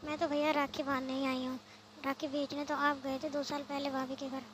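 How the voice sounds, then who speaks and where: A woman voicing a lively, outspoken young sister. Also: sits high, brisk, background noise, close to an everyday voice. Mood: earnest. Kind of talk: cartoon voice acting. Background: background music.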